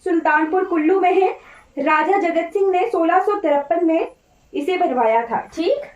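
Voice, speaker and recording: Heard through a distant microphone in an echoey room, an Indian woman teaches an online exam-prep class at a normal pace, her high voice slightly off today. Her informal lecture blends Hindi with English terms, and she instructively repeats key points, often asking "right?" to make sure students follow.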